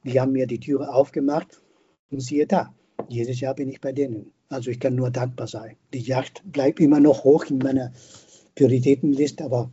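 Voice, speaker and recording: An older man speaks German as a non-native, with a foreign accent, in a steady, mellow, mid-range voice at normal speed. The audio is dull with slight background noise. A veterinarian and hunter appearing as a podcast guest, he gives a reflective interview, repeating words as he searches for phrasing.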